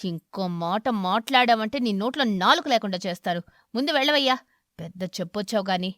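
A woman voicing a hot-tempered male crow who scolds loudly and harshly. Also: mid-range voice, lively intonation, fairly quick, no echo, studio quality, natural voice.

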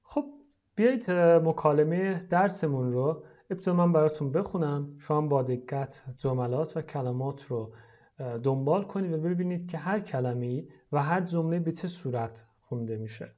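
A teacher giving a recorded video lesson, explaining in everyday speech and reading English lines very slowly, word by word, for pupils to repeat. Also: mid-range voice, dark tone, highs cut off.

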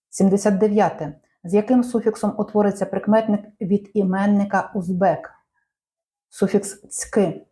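A woman reading out language quiz questions and answers in a measured, clear teaching manner. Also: mid-range voice, dark tone. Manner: measured, clear dictation-like delivery.

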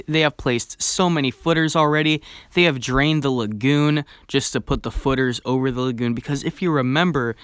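Excited, chatty young-sounding male vlogger. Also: medium pitch, smooth, no echo. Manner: excited, chatty, with strong personal opinions. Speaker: theme park vlogger. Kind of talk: enthusiastic video commentary.

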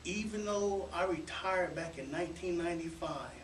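A man with a higher, lighter voice speaks frankly and plainly on a studio panel. He sounds distant and roomy, with faint hiss in the background. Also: moderate pace. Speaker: retired Iraq veteran panelist. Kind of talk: radio roundtable talk. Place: small radio studio. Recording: roomy, distant camera audio with faint noise.

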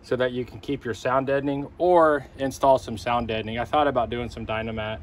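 Speaking briskly with fairly even intonation in a mid-range voice, a middle-aged American narrates a casual car repair tutorial step by step. The recording, made outdoors on a patio, driveway and at a car, carries clear background noise and outdoor ambience.

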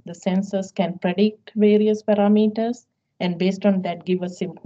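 Middle-aged woman, measured explaining, mellow tone, dull lo-fi call audio. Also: fairly low pitch. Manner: measured, explanatory, many ums. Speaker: featured guest, engineering professor. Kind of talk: video call Q&A answers. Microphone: video call.

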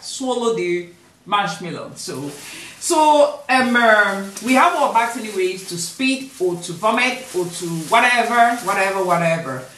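A woman's voice: medium pitch, a bit bright. A woman in her thirties chatting casually to camera as a mother hosting a family game. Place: small room at a table, indoors. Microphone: camera a few feet away. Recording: echoey room, distant mic, background noise.

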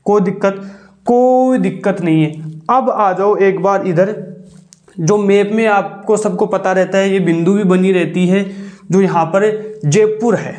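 A young man teaches a classroom memory trick in a high-pitched voice. He keeps up a call-and-response, asking a question and answering it himself. He slows down and stretches the words he wants remembered. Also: a little mellow. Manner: repeats questions and answers them himself, drawn-out emphasis.

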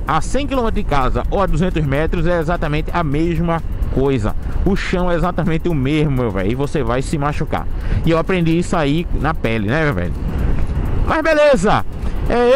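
A young man talks to his viewers from the saddle of a scooter, relaxed and slangy, his voice sitting high and swooping up and down as he goes. Traffic and wind noise come through plainly around his helmet mic. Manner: chatty, laid-back, slangy, addresses viewers directly. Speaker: motovlogger host. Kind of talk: casual motovlog chat while riding. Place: riding a scooter on a sunny city road outdoors. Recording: clear road and traffic noise behind.

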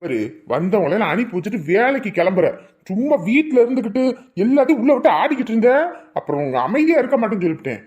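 Woman doing a penny-pinching husband, nagging and fast, voice sitting fairly high. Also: sing-song, darkish tone, muffled recording. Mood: scolding. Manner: scolding, nagging. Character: stingy grumbling husband, middle-aged. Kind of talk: family drama acting.

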